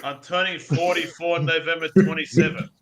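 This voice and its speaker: A man in his forties in casual group chat, chatty and quick to correct others. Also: a little high, steady tone, a crowd in the background. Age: 40s.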